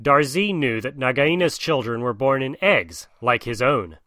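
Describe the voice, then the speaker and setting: Man reading a storybook aloud, bright and dry. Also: mid-range voice, unhurried, no echo. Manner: expressive, animated narration. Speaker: narrator.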